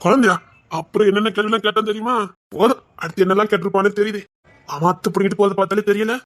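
A woman voicing several drama roles, quick to flare up, then soft and pleading. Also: medium pitch, no echo. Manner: shifts from teasing to pleading and shouting.

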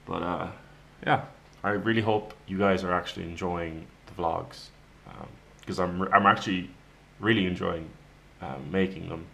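A man in his twenties chatting casually to the camera at home, sounding tired and low-key, rambling with pauses. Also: steady tone, creaky, sharp tone. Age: 20s. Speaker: daily vlogger. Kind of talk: casual vlog chat to camera. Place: home kitchen-living room, indoors. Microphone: camera at arm's length.

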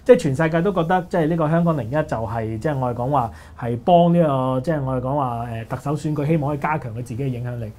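A man with a Hong Kong Cantonese accent, co-hosting a casual panel talk show, brisk and opinionated. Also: medium pitch, warm tone. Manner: brisk, opinionated, says "喂" often. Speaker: co-host.

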